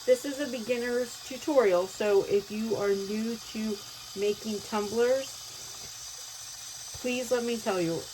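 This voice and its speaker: A woman talks through a casual hands-on craft tutorial with her voice muffled behind a mask. She rambles and often circles back to rephrase a point. The recording has clear background noise, and her pitch sits in an ordinary middle range for a woman. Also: darkish tone. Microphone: speaking through a protective mask.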